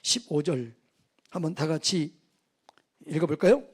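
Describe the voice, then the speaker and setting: Male revival preacher, high husky voice, quizzes his congregation. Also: animated, unhurried, a little mellow. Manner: call-and-response preaching, asks the congregation questions. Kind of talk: sermon. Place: church.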